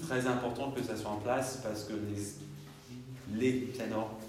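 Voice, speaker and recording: A man's voice: fairly low pitch, steady tone, takes it slowly, darkish tone. A man leading a choir rehearsal, counting beats aloud and singing short phrases to show the rhythm. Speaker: choir conductor. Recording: very echoey, voice far from mic, audible background noise.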